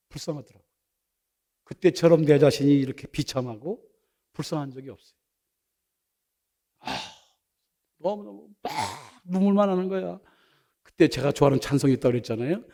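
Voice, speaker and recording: A middle-aged man from South Korea preaches a sermon in a church sanctuary. His voice sits a little high and has a gravelly edge. He tells a personal story, leaping from loud bursts down to hushed, quiet passages. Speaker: pastor.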